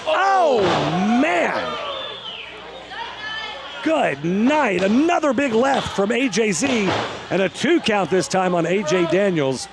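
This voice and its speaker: High-pitched, exclamatory male wrestling commentator. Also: sing-song, slow, pauses often, noisy background. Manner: emphatic, exclamatory, bursting into shouts at big moves. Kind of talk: excited wrestling play-by-play commentary. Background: music, arena.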